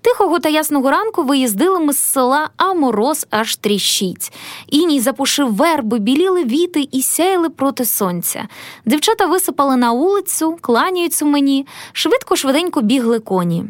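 A woman reads a classic tale aloud with expressive, lilting storytelling. Her voice is high and her intonation swoops widely. The sound is dry and close. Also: moderate pace, no echo. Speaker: audiobook narrator.

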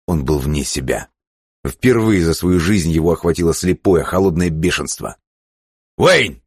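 A man reading an audiobook aloud in a steady, dramatic manner. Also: low-pitched, moderate pace, husky, no room sound, clean studio sound. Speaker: audiobook narrator. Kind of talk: scripted narration.

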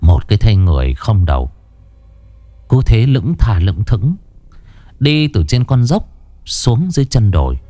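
A man narrating a ghost story in the first person, dramatic and expressive, dwelling on grim details. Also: lowish voice, measured pace, pauses often, dry recording.

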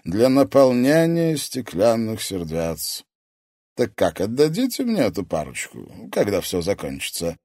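A man plays a bony old puppet master, cruel and mocking, speaking in a slightly raised, lively voice. The recording is dry and close, with no room sound. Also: lowish voice, measured pace, no room sound, pitched above the performer's own voice, exaggerated voice. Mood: sneering. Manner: scornful, mocking.

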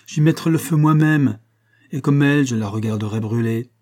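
A man reading an audiobook, voicing a hearty, impulsive young country gentleman devoted to his wife. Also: medium pitch, moderate pace, close to an everyday voice. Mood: fervent.

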